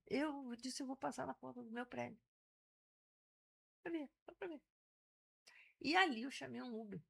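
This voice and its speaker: A woman in her sixties with a Carioca accent, a guest on an interview podcast, telling stories in an animated way and often restarting her sentences. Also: high voice, vocal fry. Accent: Carioca Portuguese. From Brazil (Rio de Janeiro). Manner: animated storyteller, frequent self-restarts. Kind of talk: casual conversational interview.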